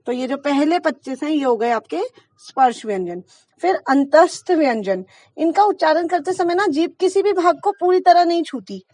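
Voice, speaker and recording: A woman with a high voice teaches a grammar lesson to schoolchildren. She explains step by step and asks the class questions that she answers herself. The recording is dry and close, with no echo of the room. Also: animated, normal speed, a little mellow.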